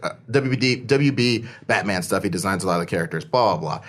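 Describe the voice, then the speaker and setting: A man co-hosting a podcast in casual chat, excitable, laughing often and swearing freely as he talks. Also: fairly low pitch, quick pace. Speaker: podcast co-host.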